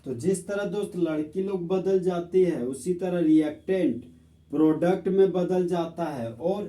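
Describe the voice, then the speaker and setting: Slow, dark-voiced male chemistry teacher, echoey. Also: sits high. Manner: slow, friendly explaining, often calls listeners friends. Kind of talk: classroom lesson. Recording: echoey room, voice from far off.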